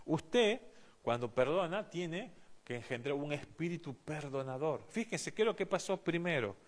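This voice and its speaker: A man with an Argentine Spanish accent preaching a sermon from the pulpit. His pitch sits somewhat high and swings widely as he reads scripture with rising emphasis. He keeps putting questions to the congregation. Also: expressive, moderate pace. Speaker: pastor.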